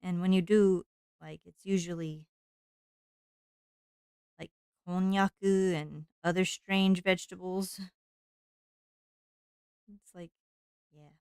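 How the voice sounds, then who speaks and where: Slow, chatty woman streamer with a smooth voice. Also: on the low side, fairly even intonation, darkish tone, no room sound, studio quality. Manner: rambling and chatty, with frequent laughs and fillers. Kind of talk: casual chat while drawing on stream.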